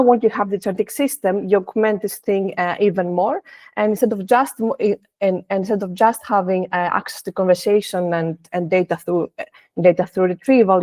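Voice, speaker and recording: A senior data scientist from Greece gives a technical talk, her hesitant delivery full of restarted sentences and pauses on fillers. Her mid-range voice is a little mellow, and the sound is dry and close with no room sound.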